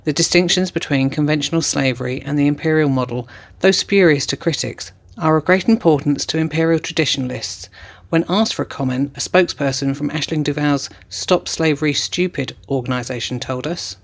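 Gravelly man narrating formal documentary. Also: on the high side. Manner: measured, formal reporting. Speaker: narrator, correspondent.

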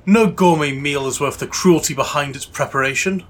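A stern male spokesperson for an anti-slavery group, voiced by a man, delivering a firm, condemning statement. His voice sits a little high. It is a short quoted part in an audio drama. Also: moderate pace, lightly acted.

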